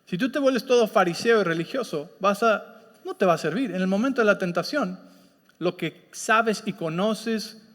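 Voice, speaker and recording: Predicador de voz aguda en sala reverberante. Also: male voice, high voice, moderate pace, a bit bright. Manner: conversational, asks listeners often if they follow. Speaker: pastor. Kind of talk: sermon with personal story. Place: church sanctuary. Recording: long reverb of a church hall.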